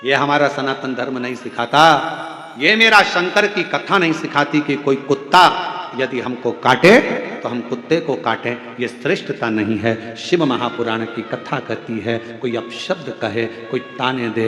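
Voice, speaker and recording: A man delivering a devotional sermon, his sing-song voice swinging from loud exclamations to soft low passages as he asks the crowd questions. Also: measured pace. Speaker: religious storyteller. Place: large venue with audience. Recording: echoey hall with faint music.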